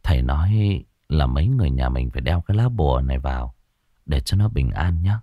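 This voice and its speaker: A man doing a gentle, sad young husband. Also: animated, a little fast, no room sound, dull audio, exaggerated voice. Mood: gentle consoling. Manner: low, gentle, consoling.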